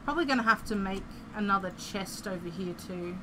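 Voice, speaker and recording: A woman's voice: mid-range voice, a little fast, noisy background. A young Australian woman chatting casually and playfully as she streams a building game, rambling through her thoughts.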